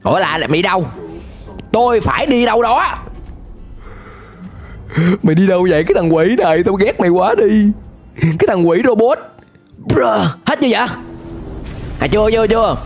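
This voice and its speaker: A man gives excited reaction commentary, often shouting and dropping English exclamations. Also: high voice, moderate pace, long pauses, faint music behind. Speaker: YouTuber reacting to an animated series.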